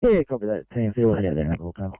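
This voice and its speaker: Fast Australian man over two-way radio. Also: on the low side, big pitch swings, dry recording. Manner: brisk radio procedure, hesitant fillers. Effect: two-way radio transmission. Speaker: road transport crew member. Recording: tinny narrow radio channel.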